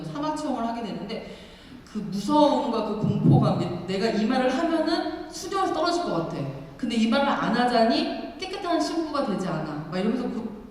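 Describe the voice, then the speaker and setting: A middle-aged nun giving an animated personal testimony talk with emphatic fillers. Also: female voice, mid-range voice. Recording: echoey hall, far from the mic.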